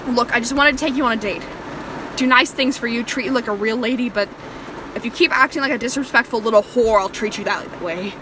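A woman's voice: mid-range voice, noisy background, close to an everyday voice. A woman playing a menacing possessive male killer. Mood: seething, shouting.

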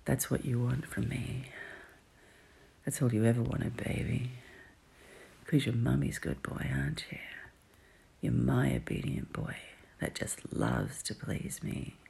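A woman performing an intimate whispered roleplay audio, teasing and murmuring softly in a low whisper. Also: very animated, unhurried, vocal fry, pauses often, husky.

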